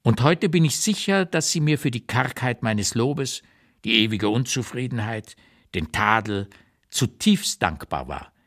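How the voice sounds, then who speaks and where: An actor reads memoir notes as a candid, blunt writer of 85 looking back on his life, part of a literary radio play. The reading is measured, deliberate and emphatic yet reflective, in a mid-range, expressive and slightly bright voice.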